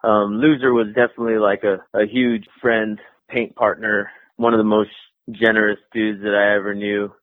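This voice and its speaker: A man, a graffiti artist guest, telling stories in a casual interview, animated and swearing freely. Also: fairly low pitch, normal speed, no echo. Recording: tinny phone-like line, dry.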